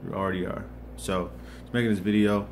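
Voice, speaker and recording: A twenty-something vlogger speaks a little fast in a low voice that stays fairly flat, giving an earnest, casual pep talk. He wanders, restarts frequently and repeats phrases while working out his thoughts, with a clear layer of background noise underneath.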